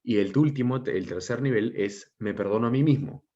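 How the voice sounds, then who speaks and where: A man teacher giving an online class lecture, explaining step by step and often checking in with a quick question. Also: mid-range voice, mellow. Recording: dull lo-fi audio.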